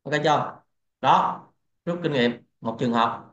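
A man's voice: medium pitch, a little slow, a bit bright. A man hosting a crypto trading channel, lecturing bluntly and swearing freely in a casual livestream rant. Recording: echoey, dull lo-fi sound.

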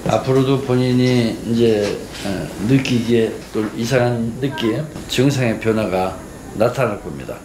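A man's voice: medium pitch, very fast. A man speaking as a clinician, putting questions to a patient and giving explanations. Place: small clinic room, indoors. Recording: roomy clinic with clear background noise.

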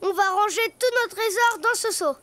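An actress voicing Trotro, a playful, cheeky little male donkey in a children's cartoon, talking in a sing-song way. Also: background noise. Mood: delighted. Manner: high, sing-song child voice, slow and clear. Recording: music playing behind.

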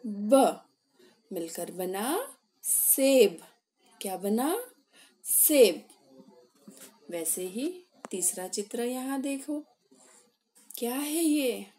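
A woman teaches a class of young children at an extremely slow pace. Her voice is soft and mellow rather than bright. She asks simple questions and stretches out each word as she repeats it. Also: mid-range voice. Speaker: primary school teacher.

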